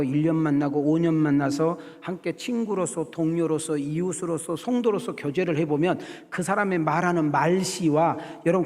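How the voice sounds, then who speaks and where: A man's voice: on the high side, long reverb tail. A middle-aged South Korean pastor preaching a sermon to his congregation, often calling out to them and building to emphatic passages. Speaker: senior pastor. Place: church sanctuary.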